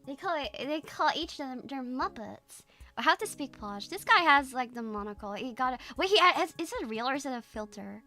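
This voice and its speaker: A woman streamer chats through videos in a giggly way, laughing often. Her voice is high and bright and swings widely in pitch, and faint music plays in the background. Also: vocal fry. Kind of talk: casual reaction commentary.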